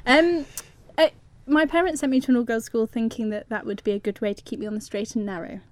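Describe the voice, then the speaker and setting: A middle-aged woman from Surrey, England, with a southern English home counties accent, chats as a studio guest in a radio interview. Her voice is fairly high-pitched and fairly even in intonation, and she talks quickly.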